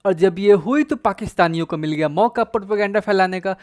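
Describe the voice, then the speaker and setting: A man's voice: high-pitched, fairly quick. Indignant male cricket vlogger. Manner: chatty, indignant, mixes in English phrases; frequent hesitations and restarts. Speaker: cricket channel host. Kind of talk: casual cricket commentary vlog.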